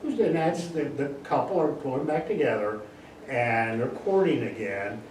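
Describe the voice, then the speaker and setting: Older male guest speaker, chatty and animated, mid pitch; distant mic in a roomy space. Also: moderate pace. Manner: chatty, animated, acts out bird voices. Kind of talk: casual public talk. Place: library meeting room. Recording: echoey room, distant mic, faint hiss.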